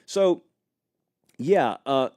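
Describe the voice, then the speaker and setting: A man with a slightly high voice draws out his words in a dry recording as he hosts a live college football talk show. He's animated and conversational, speculating aloud and chatting casually while answering viewers in the live chat.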